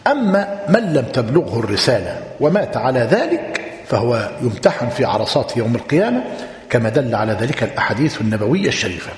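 A man teaching a religious text, repeating points slowly and quizzing his listeners. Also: mid-range voice, big pitch swings. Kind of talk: lecture explaining a text. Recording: echoey hall.

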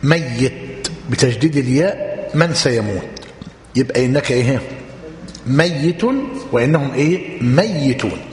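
A man teaching a religious text, repeating points slowly and quizzing his listeners. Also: medium pitch, a little hiss or hum. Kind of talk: lecture explaining a text. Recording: echoey hall.

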